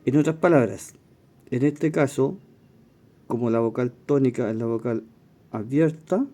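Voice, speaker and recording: Man teaching in a dark, mellow voice. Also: medium pitch. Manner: explanatory, thinking aloud with self-corrections. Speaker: language teacher. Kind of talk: exam walkthrough lesson.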